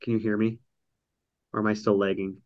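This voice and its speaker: A man's voice: lowish voice, flat delivery, brisk, darkish tone, lo-fi sound. A man with a nasal voice, hosting a casual podcast chat over an online call, rambling through a recap with lots of ums and dry jokes. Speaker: podcast host recapping a reality show.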